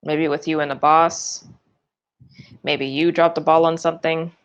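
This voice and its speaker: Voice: medium pitch, level tone, a little slow, clean tone, dull audio. A tarot reader giving a loose, chatty forecast, full of fillers and restarts and yawning often.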